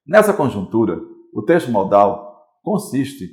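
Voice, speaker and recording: A man's voice: on the low side, very animated, a little slow, a little mellow, echoey room. A Brazilian Portuguese-speaking male teacher giving a recorded online class, explaining patiently and often checking in with the students. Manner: explanatory, repeats points, checks in with "certo?".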